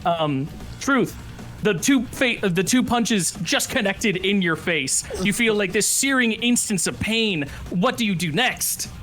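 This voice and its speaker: A man running a tabletop game as game master, improvising narration with animated, descriptive storytelling. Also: sits high, unhurried, soft background music.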